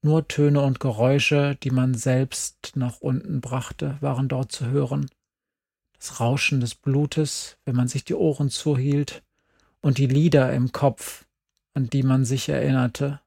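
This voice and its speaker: A man reading a first-person story aloud, calm and measured. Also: medium pitch, creaky, slightly rough, no room sound, studio quality. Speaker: audiobook reader. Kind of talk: scripted first-person narration.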